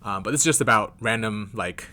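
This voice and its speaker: Young American man, lowish voice with a crisp edge, easygoing fan vlogger who rambles. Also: fairly quick, bright, forceful tone, a little hiss or hum. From California, United States. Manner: loose, rambling delivery. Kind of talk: casual to-camera chat.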